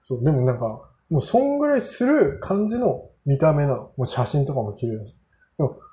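A man's voice: medium pitch, very animated, brisk, mellow. A man casually telling rambling, self-mocking anecdotes in a solo monologue. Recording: roomy echo.

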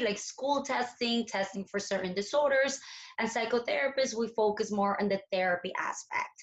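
A woman's voice: fairly high pitch, dull audio. A woman from Colombia, a therapist guest on a podcast, explaining things in a thoughtful way with many "you know"s. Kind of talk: podcast conversation.

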